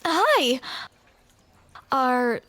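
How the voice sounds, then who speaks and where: Very animated, this young woman acts out a rom-com audio roleplay in a high, fairly bright voice recorded dry on a close mic. She takes her time, sounding flustered and playful with small awkward laughs.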